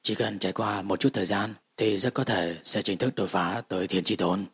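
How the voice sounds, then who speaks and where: Low voice guy reading a fantasy novel aloud, really clean and smooth, steady pace. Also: moderate pace. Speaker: audiobook narrator. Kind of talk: scripted fantasy audiobook narration.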